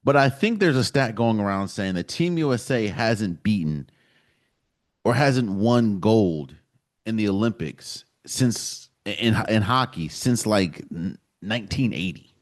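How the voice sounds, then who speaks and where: A man from the United States hosting a solo sports podcast, giving his opinions in an emphatic, animated way. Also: fairly low pitch, a little slow. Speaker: podcast host.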